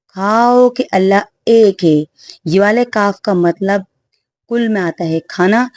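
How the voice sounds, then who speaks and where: A woman's voice: medium pitch, a little mellow, dry recording. A woman with a Pakistani Urdu accent giving an online tajweed lesson, explaining earnestly and repeating points, with many fillers. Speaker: Quran tajweed teacher.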